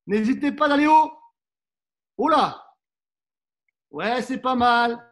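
A man's voice: very high voice, animated, slow pace, fairly bright tone. A middle-aged man coaching a live fencing workout class, instructive and coaxing, often adding "hein" as he demonstrates and sometimes moves away from the mic.

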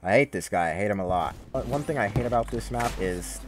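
A man's voice: fairly low pitch, expressive, quick pace. A young man giving casual gameplay commentary in a weary, grumbling way. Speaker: gaming video host. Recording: noisy recording with game gunfire. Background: video game gunfire.

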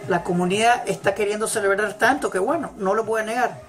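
Faint celebration music runs under a woman's motivational religious talk as she emphatically repeats her key points. She is a religious teacher, and her mid-range voice is brisk.

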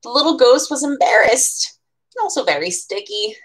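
In a small room at home, a young American woman in her twenties, a bookseller hosting storytime, reads a picture book to children with expression and casual asides. Her voice is on the high side and fairly bright, with lively intonation at a moderate pace.

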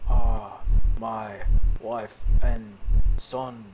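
Man doing British game hero, male, solemn, bereft, slow dramatic halting words. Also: fairly low pitch, fairly even intonation, background noise, pitched below the performer's own voice. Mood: solemn, searching.

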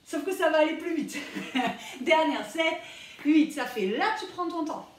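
A woman's voice: sits high, expressive, unhurried. A woman teaching a dance routine, counting beats aloud and scatting the rhythm, with English cues mixed into her French. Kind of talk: dance tutorial, counting steps. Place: dance studio. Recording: roomy, distant camera sound with music. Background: dancehall music.

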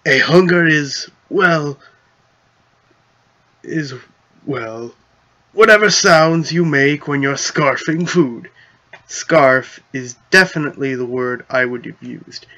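A man's voice: fairly high pitch, pushed and bright, muffled recording. A young man rambling through casual let's-play commentary, correcting himself as he goes and swearing now and then. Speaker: gaming channel host.

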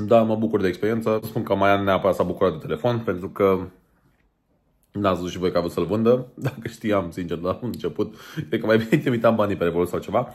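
A man's voice: low-pitched, darkish tone, no room sound. A young man vlogging casually, slangy, laid-back and chatty, talking from a car. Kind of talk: casual vlog chat.

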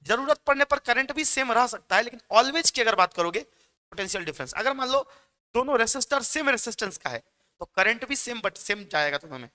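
A man's voice: very high-pitched, sing-song, brisk, pushed and bright. A young man with a Bihari Hindi accent teaching physics exam questions in a chatty, joking classroom manner, mixing in English terms. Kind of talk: exam-prep lecture.

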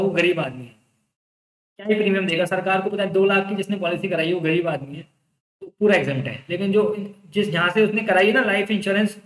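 Young male lecturer, high-pitched, chatty and reassuring, echoey room. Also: a bit bright. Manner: chatty, reassuring, explains by intent. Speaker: teacher. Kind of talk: casual online lecture.

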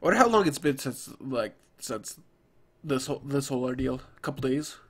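A young man giving casual, halting reaction commentary, sounding nasal and stuffed up from crying, close to a desk mic. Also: mid-range voice, animated, a bit bright, slightly rough. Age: young adult. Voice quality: nasal, congested. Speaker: anime reaction video host. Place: small furnished room at home. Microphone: close desk microphone, headphones on.

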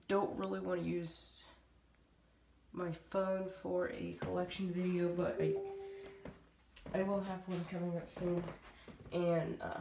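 In a small room at home, a woman who makes videos as a hobby talks casually to her viewers, hesitating and rambling as she updates them. Her voice is on the low side, creaky and darkish in tone. A handheld camera or phone picks her up from a distance, giving a roomy sound with light noise.

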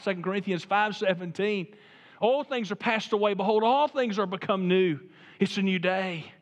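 A man preaching a sermon as pastor, emphatic and building to fervent appeals. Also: high-pitched. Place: church sanctuary. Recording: reverberant church sanctuary.

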